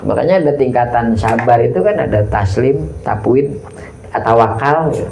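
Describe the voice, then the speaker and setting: A man's voice: mid-range voice, moderate pace, creaky, noisy background. A middle-aged man, giving an informal Islamic study sermon in folksy storytelling style, acting out prayers and dialogue. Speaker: religious teacher. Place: mosque study hall. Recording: echoey hall, faint ambience.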